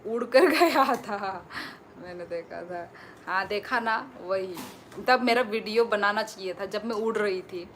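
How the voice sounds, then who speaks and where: A woman hosts a relaxed live stream from her phone at home and answers her viewers' comments one by one. She speaks at an unhurried pace in a voice of middling pitch. Steady background noise runs clearly under her voice. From Tripura, India. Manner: reads viewer comments aloud and answers them chattily. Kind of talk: casual live-stream chat.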